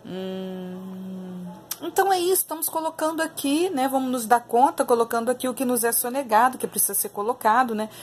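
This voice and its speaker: Higher-pitched Brazilian woman, emphatic. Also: a little fast, slight background noise. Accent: Brazilian Portuguese. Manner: opinionated, emphatic, repeats phrases for emphasis. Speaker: online political commentator. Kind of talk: casual spoken commentary to viewers.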